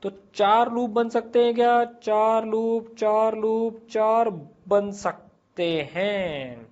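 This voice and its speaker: A man's voice: sits high, takes it slowly, a little mellow. A male physics teacher, explaining step by step and asking and answering his own questions. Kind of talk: classroom physics lesson. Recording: slightly dull lo-fi sound.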